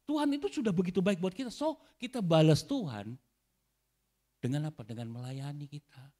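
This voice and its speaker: Male pastor, animated sermon delivery, slightly high voice, lively pitch. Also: moderate pace. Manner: animated preaching, often addressing the congregation directly. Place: church hall.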